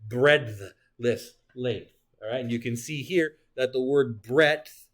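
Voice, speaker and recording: A man with an ordinary middle-pitched voice lectures a geometry class in a lively, talkative manner. He keeps checking in with students, adding quick jokes and self-corrections as he explains.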